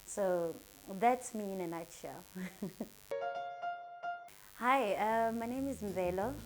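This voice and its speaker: With music playing in the background, a woman talks slowly in a medium-pitched voice. A Durban salon owner in her thirties with a South African accent, she handles interview questions in an earnest, upbeat and motivational way.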